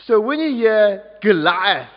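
Lively man leading a story in church. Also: sits high, slow pace. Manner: animated, coaxing audience participation. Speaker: youth leader telling a story at a service. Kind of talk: interactive children's storytelling. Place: large church. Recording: dull echoey church recording.

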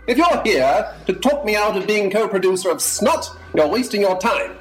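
A man's voice: high-pitched, big pitch swings, normal speed, a bit bright. A boastful British blackguard preens in a comic audio drama, put on by a man. His put-on accent swings wildly up and down. The room echoes, with music under it. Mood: pompous. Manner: pompous, boastful. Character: pompous British male villain Cyril.

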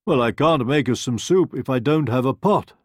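A man reading a storybook, voicing an old toothless male wolf who speaks gently and persuasively. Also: mid-range voice, expressive, moderate pace, no room sound, clean studio sound, pitched above the performer's own voice, close to an everyday voice. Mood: patient.

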